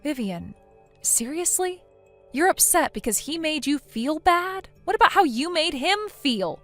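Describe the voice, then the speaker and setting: A woman's voice: high voice, lively intonation, unhurried, fairly bright tone, faint music behind, heavily acted. A synthetic female voice playing a blunt friend who lectures in a stern tone. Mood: indignant.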